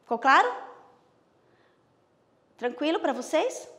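A woman primary school teacher with a Bahian accent, giving a slow, patient recorded lesson and checking in with her pupils often. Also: high voice, very animated, bright, forceful tone, long reverb tail. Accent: Bahian Brazilian Portuguese.

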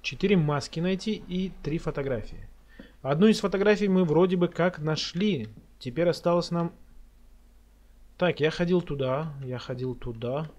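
A man's voice: a little high, normal speed, a little mellow. A man giving casual commentary on a horror game playthrough as a scared, jumpy streamer who mutters and swears as he reacts.

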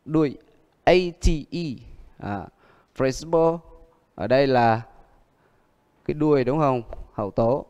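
Slow-paced male teacher in a reverberant room. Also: mid-range voice, a little mellow, smooth, highs cut off. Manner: slow, repeats each example word several times. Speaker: English teacher. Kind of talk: exam prep pronunciation lesson.

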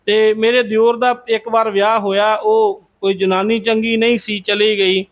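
Very high-voiced man telling a devotional story. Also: level tone, moderate pace. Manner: addresses listeners respectfully as a congregation, conversational retelling. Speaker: Sikh religious storyteller.

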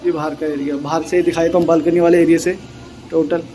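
High, flat-voiced man touring flats. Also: fast, slight background noise, poor audio. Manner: chatty, repeats himself, points things out while walking. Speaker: property vlogger. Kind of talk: casual walkthrough vlog. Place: new apartment building, indoors and outdoors. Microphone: handheld phone at arm's length.

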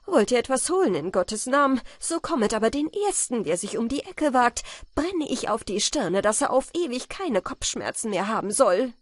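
A man's voice: extremely high pitch, lively intonation, moderate pace, a little mellow, husky, no echo, clean studio sound, pitched above the performer's own voice, full character voice. A woman voicing a tall, bearded young male student with scornful, defiant outbursts.

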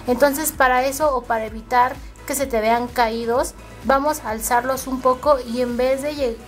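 A woman with a Mexican accent hosting a makeup tutorial, talking chattily to her viewers step by step. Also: on the high side. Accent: Mexican Spanish. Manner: chatty, addresses viewers as girls.

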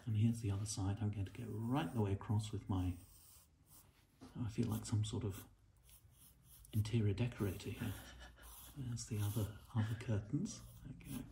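A middle-aged man chatting gently and encouragingly as he draws together with his daughter. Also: fairly low pitch, steady tone, normal speed, creaky, pauses often, slight background noise. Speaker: artist and co-host. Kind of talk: casual chat while drawing.

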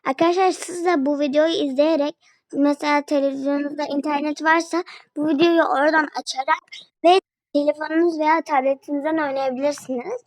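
A woman's voice: high-pitched, steady tone, brisk, no echo, poor audio. A young woman giving casual commentary on a phone game, chatting to her viewers and a friend as she plays. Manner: chatty, talks to viewers and a friend while playing. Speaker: gaming video creator.

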